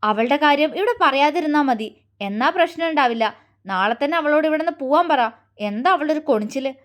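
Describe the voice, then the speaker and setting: Woman narrator voicing a tearful, fiery young wife; high, choked, sharp. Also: fairly quick, natural voice. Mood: angry. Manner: choked, pleading, then sharp and scornful.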